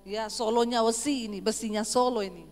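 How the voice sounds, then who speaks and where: A woman pastor with a Sulawesi accent preaches with humorous, animated storytelling. Her voice sits high. It echoes through a church hall with faint music behind. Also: fairly quick. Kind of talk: sermon.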